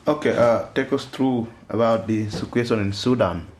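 A man's voice: medium pitch, moderate pace, a little mellow, a little hiss or hum. A man hosting a community radio interview, opening with frequent hesitant fillers. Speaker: radio host.

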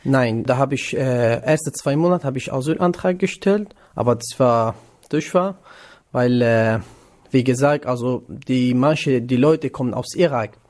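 A man's voice: mid-range voice, a little slow, a little mellow. Young man, hesitant German. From northern Iraq. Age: 20s. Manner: hesitant non-native German with many fillers. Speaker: interviewee, trainee cook. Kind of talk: radio interview.

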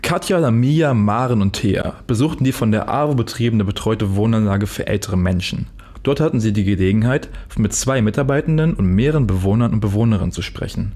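Man, narrator, low voice, scripted, even delivery. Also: brisk.

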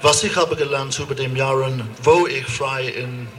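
A man's voice: mid-range voice, steady tone, normal speed, fairly bright tone. A man from England with an English accent, speaking in a learned second language as an opera director addressing a demonstration, hesitant and searching for words with frequent ums. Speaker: opera director giving a rally speech. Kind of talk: public speech at a demonstration. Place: outdoor rally on a town square.

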